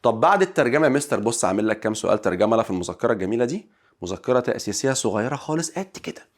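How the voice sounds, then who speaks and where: A man with an Egyptian accent teaching an English lesson online, talking in an animated way and acting out his students' questions. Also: mid-range voice, rapid-fire. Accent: Egyptian Arabic.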